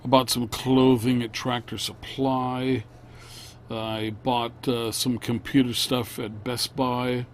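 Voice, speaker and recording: A man narrating a casual vlog, unscripted, in a halting, plain-spoken way. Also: medium pitch, level tone, a little hiss or hum. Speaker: vlogger.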